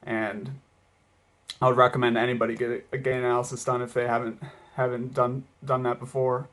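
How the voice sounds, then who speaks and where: A man talking casually as a running vlogger, reflective and hesitant, often pausing mid-thought. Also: mid-range voice, flat delivery, fairly bright tone. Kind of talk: casual vlog talk to camera.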